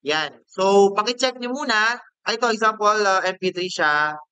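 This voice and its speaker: Bright-voiced Filipino man teaching software. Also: sits high, normal speed, smooth, no echo. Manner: casual, checks in with "no?" and "okay?". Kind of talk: screen-recorded software tutorial.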